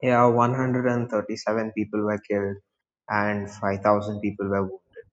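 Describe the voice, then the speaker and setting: A man's voice: on the low side, monotone, moderate pace, highs cut off. A teenage boy from India co-hosting a casual podcast, teasing his friend and chiming in with short replies. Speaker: podcast co-host.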